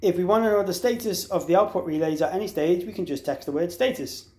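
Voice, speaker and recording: In an off-the-cuff how-to video, a man talks quickly in a high, darkish voice, explaining each step and spelling out letters and numbers. The room adds a noticeable echo.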